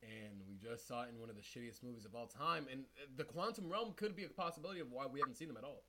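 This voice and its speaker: A man's voice: medium pitch, very fast, a crowd in the background, poor audio. A young man co-hosting a podcast, reacting to movie trailers in a rambling, slangy casual chat. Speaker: podcast co-host.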